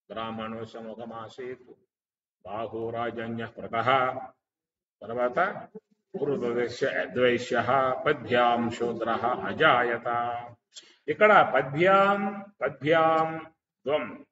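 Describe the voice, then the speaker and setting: A man with a bright, sharp voice gives a spiritual discourse on scripture, often asking his listeners rhetorical questions and chanting Sanskrit verses. He sounds set back from the microphone, and a long reverb trails his words in a dull, muffled recording. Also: a little high, distant mic. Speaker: spiritual teacher.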